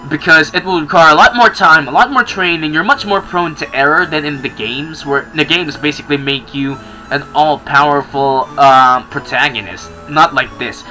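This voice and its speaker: A young man casually commenting as he plays a game, chatty and excitable. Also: on the high side, moderate pace, faint music behind, poor audio. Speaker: gaming channel host. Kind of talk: casual let's-play commentary.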